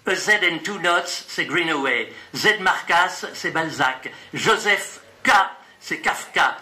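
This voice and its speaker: A poet with a fairly high, animated voice and a sharp tone takes his time as he presents and reads his own poem at a live poetry evening in a gallery. The reading has a playful, rhythmic, list-like quality.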